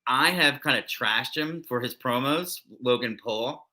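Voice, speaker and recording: Co-hosting a wrestling recap podcast, a man chats casually and rambles, with lots of fillers and restarts. His voice is medium in pitch, a little slow, with a sharp tone.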